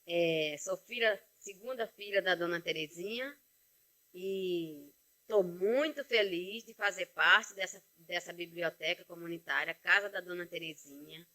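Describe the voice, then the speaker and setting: A woman's voice: lowish voice, measured pace, bright, forceful tone. A woman, co-director of a community library, introduces herself in a friendly, composed way.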